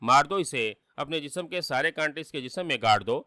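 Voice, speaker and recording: A man's voice: a little high, expressive, bright, forceful tone, no room sound. A man voicing a cruel demon king who roars his commands, in a dry storybook reading. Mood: commanding. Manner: thundering, commanding.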